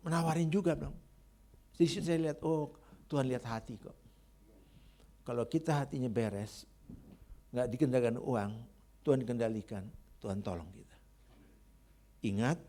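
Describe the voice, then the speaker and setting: A middle-aged man preaching, telling stories and acting out dialogue, then praying loudly and fervently. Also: medium pitch, breathy edge. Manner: storytelling, acting out dialogue, laughing at own stories; loud fervent prayer. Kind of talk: sermon with testimony and prayer.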